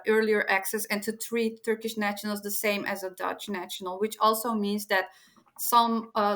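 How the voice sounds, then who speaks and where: Hesitant woman with a flat voice. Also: medium pitch. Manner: hesitant, many fillers. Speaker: immigration lawyer guest. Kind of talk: explanatory interview answer.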